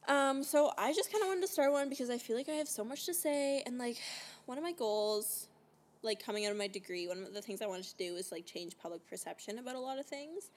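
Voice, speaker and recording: A woman's voice: on the high side, expressive, a little fast. A woman of twenty-two from British Columbia, hosting a podcast in casual, chatty talk full of "like" and casual swearing, recorded outdoors. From British Columbia, Canada. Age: 20s. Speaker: podcast host. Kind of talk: casual chat.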